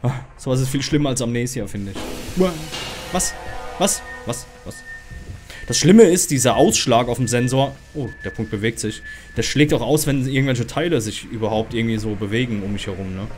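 A man hosting a let's play of a horror game. He talks in a jumpy, panicky way, keeps calling out into the dark and yelps at every scare. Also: medium pitch, fairly quick, faint music behind.

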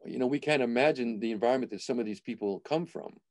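A man's voice: mid-range voice, fast, a little mellow, dry recording. A man in his forties, a film director from the United States, speaking reflectively over a video call from a small home room and often restarting his phrases. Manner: reflective, restarts phrases while thinking aloud. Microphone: video call webcam.

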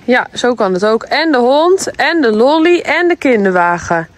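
A woman's voice: fairly high pitch, big pitch swings, normal speed. A woman, a mother talking playfully and coaxingly to her children. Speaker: mother, vlogger's partner. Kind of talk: casual family talk. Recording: music and crowd behind.

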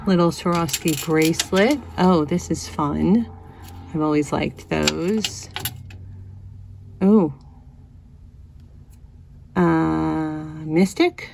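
Slow, gravelly-voiced woman thrifting. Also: low-pitched, darkish tone, a little hiss or hum. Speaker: vintage reseller vlogger. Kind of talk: casual thrifting narration. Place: inside a cluttered antique store.

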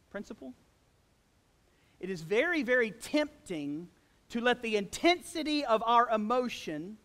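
Pastor, male, high voice, sermon with dynamic loud-soft swings. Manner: wide swings from loud emphasis to soft, slow hushed lines; acts out quoted prayers and complaints in character.

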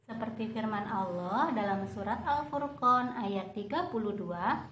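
A woman's voice: mid-range voice, a little slow, a bit bright, roomy sound, slight background noise. A woman teaching Quran recitation to children, patient and encouraging, singing phrases for them to copy. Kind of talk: slow online lesson for children.

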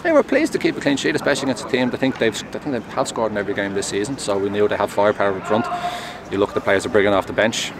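A young man speaks quickly and earnestly in a post-match interview, his voice sitting slightly low. He talks outdoors on a close mic. Clear traffic hum runs behind him. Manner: measured, earnest, steady. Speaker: goalkeeper. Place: outdoors at a stadium, in front of a sponsor board at night.

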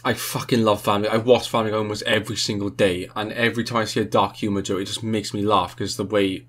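A man's voice: lowish voice, little pitch movement, fast talker, a bit bright. A young adult man talking casually to viewers as the host of a reaction video.

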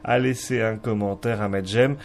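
A man's voice: on the low side, fairly even intonation, moderate pace, slight background noise. A man hosting a casual screen-recorded game tutorial, chatty and loose, with joking asides.

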